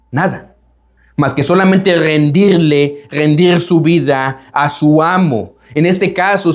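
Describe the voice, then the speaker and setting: Male preacher with a high voice, emphatic, keeps asking the congregation questions. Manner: emphatic, asks the listeners many rhetorical questions; repeats words for emphasis. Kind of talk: sermon.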